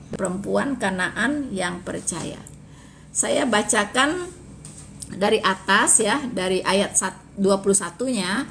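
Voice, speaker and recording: A woman giving casual Bible commentary to her viewers, reading verses slowly and then explaining them in everyday, chatty speech. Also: medium pitch, gravelly, fairly bright tone, slight background noise. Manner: chatty, fills phrases with "ya" and "gitu".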